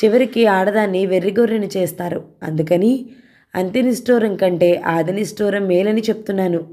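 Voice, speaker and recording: A woman's voice: mid-range voice, a little fast, mellow, natural voice. A woman voicing a blunt young female office worker who asks teasing, probing questions.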